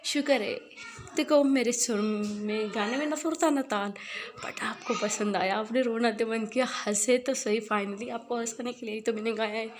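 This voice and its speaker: A woman's voice: fairly high pitch, fairly even intonation, moderate pace, slight background noise, lightly acted. A woman voicing a caring young man who coaxes and teases a friend in a spoken story. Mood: teasing. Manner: coaxing, pleading, playful.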